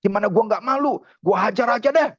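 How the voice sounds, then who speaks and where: A man's voice: high-pitched, quick pace, no room sound, highs cut off, pitched above the performer's own voice. A man playing an angry army father who scolds his lazy son in coarse slang. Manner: shouting, coarse Betawi slang.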